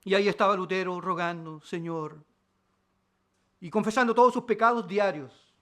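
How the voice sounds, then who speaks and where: Bright-voiced emphatic Chilean preacher man. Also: sits high, quick pace. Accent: Chilean Spanish. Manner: emphatic preaching, swings between loud declarations and quiet asides. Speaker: pastor. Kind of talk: sermon.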